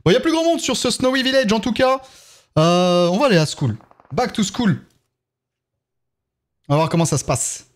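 A man's voice: sits high, fast. A man with a French accent, chatting casually on a live game stream and thanking viewers one by one as he plays.

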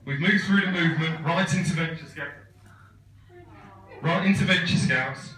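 Filmed on a phone far back among the guests, a best man in his thirties teases the couple with deadpan jokes inside a big wooden barn venue. His voice is a little high, bright and forceful at a moderate pace, and the distant, echoey recording catches the crowd laughing.

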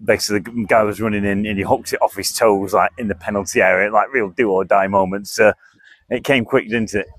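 A man's voice: fairly low pitch, fairly even intonation, brisk, fairly bright tone, dry recording. A man presenting a man of the match award for club radio, casual and saying "like" often. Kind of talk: post-match interview.

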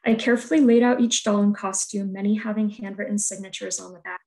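Her voice is mid-range, steady and gravelly as she, an art student and native Polish speaker, reads a scripted talk on her work in a soft, reflective, measured way. She's on a video call using earbuds, sitting in a room at home.

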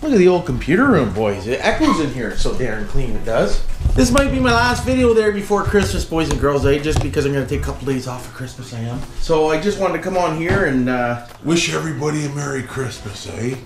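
A man's voice: fairly high pitch, sing-song, brisk, noisy background. A man vlogging from home in a folksy way, tagging his lines with "eh?", his voice echoing in a bare, cleaned-out room. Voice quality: folksy, tags lines with "eh?" and "friggin' right". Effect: echoing in a bare, empty room. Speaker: YouTube vlogger. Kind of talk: casual home vlog. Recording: echoey room, faint music behind.

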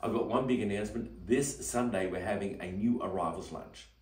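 A male pastor delivers a short devotional talk in an earnest, emphatic storytelling manner. His voice sits low. The room is echoey and the mic is set some way off. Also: fairly quick, darkish tone. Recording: roomy, mic at a distance.

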